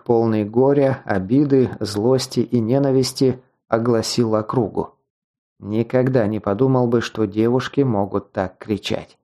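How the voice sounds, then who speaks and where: A man reads a fantasy novel aloud in a dark, mellow voice at a middle pitch. His narration is measured and even, scripted. The tone stays steady from one line to the next. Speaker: audiobook narrator.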